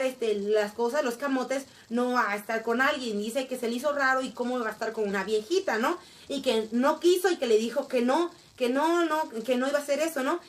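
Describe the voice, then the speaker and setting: High-voiced woman telling a story. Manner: animated, addresses viewers directly, frequent restarts and fillers. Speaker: vlogger telling a family story. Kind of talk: casual storytelling to camera.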